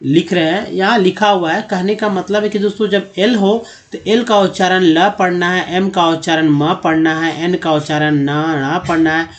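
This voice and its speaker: A man's voice: high-pitched, fairly even intonation, moderate pace, hardly any pauses. A man teaches a spoken English lesson. He goes through it step by step and keeps checking in with the viewer. He often repeats himself to make each point stick.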